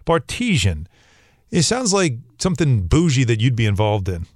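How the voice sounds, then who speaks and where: A man's voice: mid-range voice, big pitch swings, moderate pace, a little mellow, dry recording, clean studio sound. A man hosting a sports radio show who reads sponsor spots and jokes around loosely, laughing often. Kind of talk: live ad read and casual banter.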